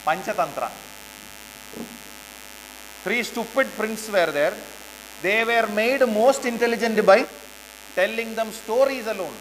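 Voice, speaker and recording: A man's voice: sits high, measured pace, pauses often, a bit bright, big-room sound, slight background noise, poor audio. A man with an Indian English accent giving a motivational classroom lecture, asking rhetorical questions and repeating key phrases for emphasis. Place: lecture hall.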